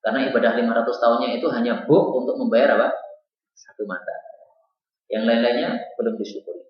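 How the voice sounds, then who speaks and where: A man's voice: medium pitch, fairly even intonation, brisk. A man teaching a Quran commentary class, telling a story and explaining each Arabic phrase line by line. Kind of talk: religious lesson. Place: mosque hall. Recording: very echoey hall, dull lo-fi.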